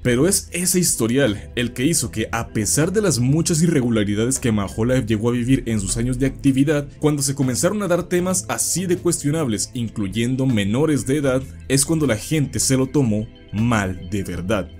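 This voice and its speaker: Guy doing video essay commentary, mid-low everyday voice, explains stuff emphatically, music behind. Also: animated, normal speed, few pauses, darkish tone. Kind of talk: scripted commentary narration. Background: background music.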